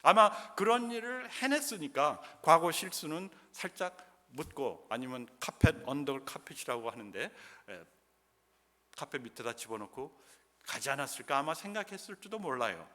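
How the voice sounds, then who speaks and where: A man's voice: on the high side, animated, normal speed, pushed and bright. A man preaching a sermon as pastor, emphatic and often putting questions to the congregation. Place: church sanctuary. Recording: long church reverb.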